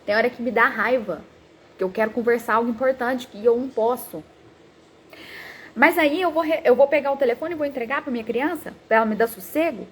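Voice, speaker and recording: A woman psychologist in her thirties giving a talk on parenting, animated and acting out quoted parents and children. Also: fairly high pitch, a little fast, breathy edge.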